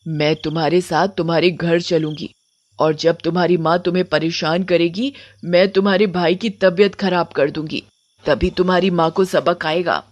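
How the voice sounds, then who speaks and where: A woman's voice: on the low side, steady tone, normal speed, lightly acted. Woman voicing a kind but vengeful witch. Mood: stern. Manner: soothing, then stern. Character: kind-hearted female witch, protective and vengeful.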